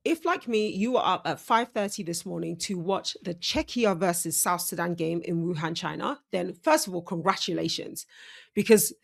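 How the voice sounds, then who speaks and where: A woman's voice: fairly low pitch, expressive, moderate pace, creaky. A woman hosting a casual sports breakdown, chatty and self-correcting, her speech slightly impeded by braces. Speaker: host.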